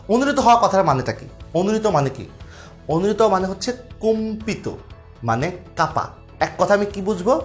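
A young man with a Bangladeshi Bengali accent, teaching an exam-prep lesson in a casual way. He explains step by step and keeps asking rhetorical questions. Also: high voice.

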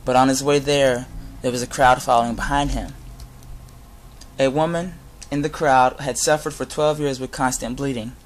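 A young adult man giving an informal sermon with Bible readings, speaking earnestly and a little haltingly. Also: medium pitch, steady tone, a little hiss or hum. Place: inside a garage. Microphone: device camera at close range.

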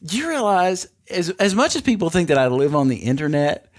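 A man's voice: on the high side, sing-song, brisk. A middle-aged man hosting a casual podcast chat from a bedroom at home, rambling and drifting into tangents. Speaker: podcast host and father.

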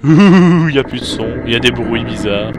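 A man doing panicked let's play commentary, shouting orders at his partner as he plays. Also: medium pitch, animated, moderate pace. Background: game music.

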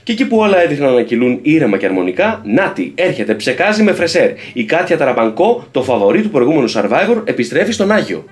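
A man's voice: a little high, very animated, hardly any pauses, pitched above the performer's own voice. A man putting on a chirpy gossip-show presenter. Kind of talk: mock TV presenting.

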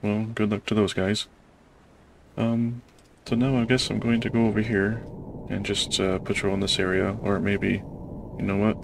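A man giving casual, self-deprecating commentary while playing a submarine game, in a monotone way. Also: lowish voice, normal speed, vocal fry. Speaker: gamer playing a submarine sim. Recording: noisy game audio behind voice.

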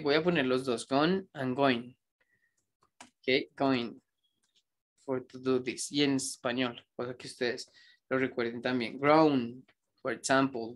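Man teaching English grammar, slow dictation. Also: medium pitch. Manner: switches between explaining and slow dictation of examples; reflective, rambling asides. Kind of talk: online grammar lesson.

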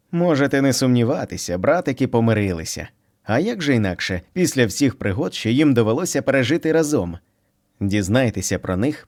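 Man, storyteller, children's book narration, playful, low voice. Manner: expressive, playful reading.

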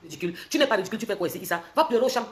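A Cameroonian woman in her forties, speaking with a French accent, rants animatedly on a phone livestream from a bright indoor room, the phone held close. As a social media commentator, she's fast and confrontational, swinging from loud mockery to low, intense lecturing.

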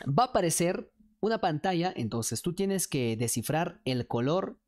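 Chatty woman streamer, lowish voice. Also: animated, normal speed, a little mellow. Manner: chatty, coaxing the chat, slangy. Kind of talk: casual livestream chat hosting a chat game.

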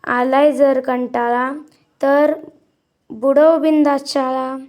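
A woman reading the lines of a mischievous little schoolgirl from a storybook lesson, slowly and deliberately. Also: high-pitched, fairly even intonation, a little mellow. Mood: petulant.

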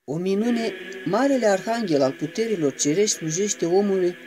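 A man giving a reverent, measured devotional reading that slips into chanted intoning at times. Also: sits high, expressive, background noise. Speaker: reader of a saint's life.

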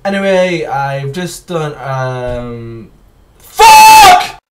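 A man's voice: a little high, measured pace, heavy background noise. A man vlogging casually, stumbling over his intro, restarting often and swearing. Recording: distant from the mic.

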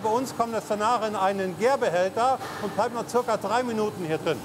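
A man in his fifties from the Eifel who heads a lasagna factory, explaining the production line in a relaxed way with fillers. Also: sits high, fairly quick, noisy background. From Eifel region, Germany. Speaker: factory head. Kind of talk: on-site interview. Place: large food factory floor. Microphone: lapel mic. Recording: music underneath.

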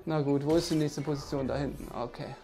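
A man's voice: a little high, fairly even intonation, fast, gravelly. A man in his thirties giving casual, slangy, playful commentary as he plays a VR game. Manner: laid-back slangy asides, playful. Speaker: let's play host. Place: indoors, standing in VR headset. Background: game music.

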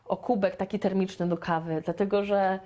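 A woman from Poland teaching a beginner English lesson, chatty and playful, stretching out her model sentences very slowly. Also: medium pitch, steady tone, dark tone. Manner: slow, deliberate, with very drawn-out model sentences; chatty and playful, with sound effects.

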